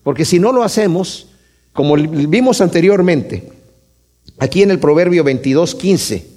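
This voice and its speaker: A man's voice: fairly high pitch, lively intonation, unhurried, dark tone. A man, a pastor, preaching a conversational sermon and often checking in with his listeners. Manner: conversational preaching with frequent tag questions.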